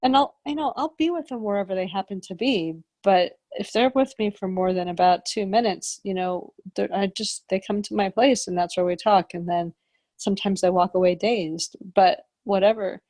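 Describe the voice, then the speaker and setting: A woman's voice: medium pitch, normal speed, a little mellow, no echo. A woman co-hosting a podcast, talking in a rambling, reflective way with frequent restarts as she searches for words. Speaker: podcast co-host. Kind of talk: casual spiritual conversation.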